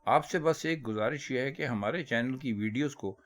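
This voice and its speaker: A man teaching correct pronunciation, explaining each word carefully and deliberately. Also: mid-range voice, a bit bright. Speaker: Urdu language teacher. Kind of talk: pronunciation lesson.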